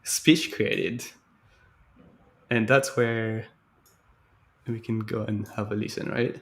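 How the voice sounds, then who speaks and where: A man's voice: fairly low pitch, steady tone, slow, a bit bright. A man hosting a live stream, casually walking through code and thinking aloud in a tentative, chatty way over a video call. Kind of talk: casual coding walkthrough.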